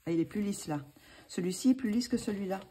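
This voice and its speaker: A woman with a mid-range voice chats casually and quickly as a vlogger showing coloring books, hesitating and using lots of fillers as she thinks out loud. There's noise in the background.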